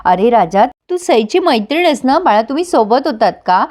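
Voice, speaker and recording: An earnest, caring young wife pleads and scolds in turn, voiced by a woman recapping a serial. The voice is high-pitched. She presses on with firm questions. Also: big pitch swings, normal speed, a little mellow. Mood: gentle. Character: caring young woman, gentle but insistent daughter-in-law.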